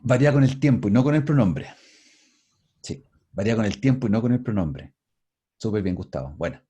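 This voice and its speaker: A man's voice: lowish voice, animated, brisk, mellow, slightly rough. A man teaching a linguistics class over a video call, explaining patiently and often restarting his words. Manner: explanatory, restarts and repeats words while thinking.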